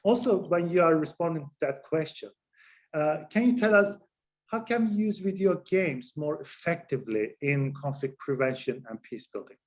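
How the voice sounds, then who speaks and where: A man's voice: on the high side, animated, normal speed. A man moderating a panel discussion over a video call. He is courteous and a little hesitant, with frequent fillers as he introduces speakers.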